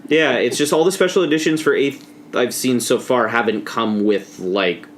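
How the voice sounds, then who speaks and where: A man co-hosting a casual podcast chat, chiming in with quick questions and remarks. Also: mid-range voice, slight background noise. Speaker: podcast co-host.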